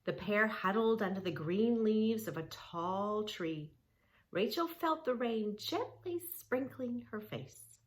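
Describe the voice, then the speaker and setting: On a rough recording, a woman speaks slowly with lively intonation in a medium pitch. She's reading a story and leading yoga poses for preschoolers, addressing the child directly in a simple, encouraging way.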